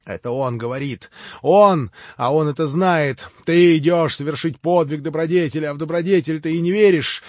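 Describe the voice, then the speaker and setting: A man voicing a feverish, tormented young man who talks himself into agitated shouting, on a dull, dry lo-fi recording. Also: a little high, moderate pace, no room sound, pitched above the performer's own voice, natural voice. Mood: frantic.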